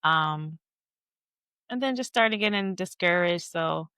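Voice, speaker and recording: A woman's voice: lowish voice, animated, slow, pushed and bright, smooth, dry recording. A woman guest on a podcast, candidly and reflectively telling her own story. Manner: candid, reflective, light laughs. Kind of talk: personal storytelling interview.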